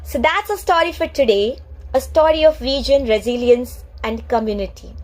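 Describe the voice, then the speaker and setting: A woman's voice: sits high, moderate pace, rough recording. A young woman with an Indian accent tells a space story in a vlog, earnest and heartfelt. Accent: Indian English.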